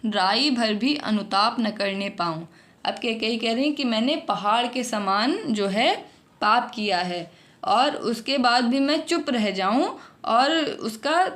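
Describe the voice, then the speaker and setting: A woman's voice: fairly high pitch, fairly bright tone. A woman teacher explaining a Hindi poem line by line, reading each verse and then paraphrasing it in a conversational way.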